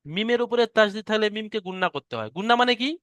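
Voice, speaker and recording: A man teaching Quran reading in a recorded online lesson, explaining patiently and spelling out syllables slowly. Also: sits high, lively intonation, a bit bright, dry recording.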